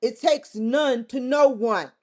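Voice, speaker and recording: Speaking slowly at a fairly high pitch, this woman runs her own vlog show. She addresses the camera directly in a defiant, confrontational rant packed with profanity.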